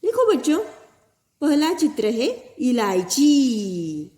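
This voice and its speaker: Woman teacher doing a kids lesson, reads words real slow n careful, spells out syllables, bit high voice, roomy echo. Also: very animated, mellow. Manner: slow, careful word-by-word reading, stretching out syllables. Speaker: primary school Hindi teacher. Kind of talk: recorded online lesson for children. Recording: echoey room.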